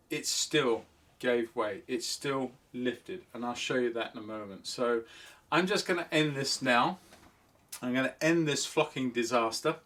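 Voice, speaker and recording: A man's voice: mid-range voice, a bit bright. A middle-aged man hosting his own hobby vlog, talking in a rambling, self-deprecating, chatty way. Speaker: model railway channel host. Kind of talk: casual hobby vlog talk.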